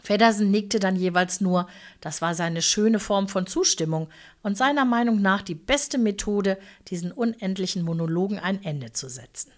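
A woman reading a story aloud in a lively, wry manner. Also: mid-range voice, moderate pace. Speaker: narrator.

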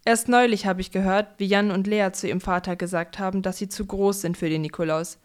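A woman voicing a small, cheeky male mouse who giggles and squeaks in a storybook reading. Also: steady tone, brisk, lightly acted. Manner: squeaky, chirpy.

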